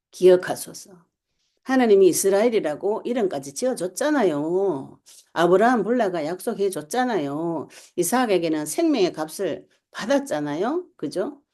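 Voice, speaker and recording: A woman pastor, preaching a sermon in a lively storytelling way and acting out the quotes. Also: fairly low pitch. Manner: animated storytelling preacher, acts out quotes, laughs often. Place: online church service.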